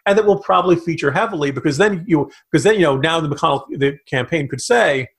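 A man guest giving casual political analysis in a rapid, talky way, often restarting his sentences. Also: a little high, expressive, a bit bright.

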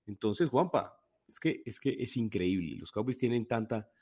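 A man with a Colombian Spanish accent co-hosts a casual sports podcast, talking animatedly and often restarting his sentences. His voice is fairly low, darkish, and slightly rough, with lively intonation at a normal speed.

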